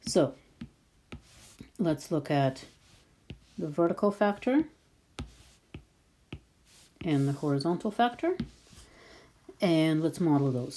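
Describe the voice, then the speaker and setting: A female math teacher narrates a screen-recorded lesson, talking slowly and patiently and thinking aloud as she draws. Her voice is low and dark in tone, with lively intonation.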